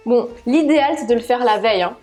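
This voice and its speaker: A woman with a somewhat high voice and a put-on southern French accent talks her way through a live cooking session in her kitchen. She chats easily, thinks aloud and pokes fun at herself. Faint music plays in the background. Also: fairly quick, warm tone. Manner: chatty, thinks aloud while cooking, self-mocking. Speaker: cooking channel host. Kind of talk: live cooking stream chat.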